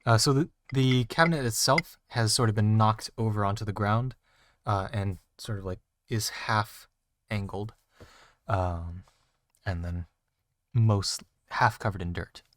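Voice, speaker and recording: Male game master, low voice, halting narration, dry sound. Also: no room sound. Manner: hesitant, lots of fillers.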